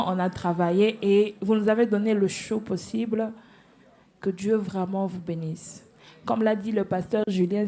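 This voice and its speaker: A woman's voice: mid-range voice, darkish tone. A woman giving live feedback to singers as a competition judge, encouraging each act and blessing them.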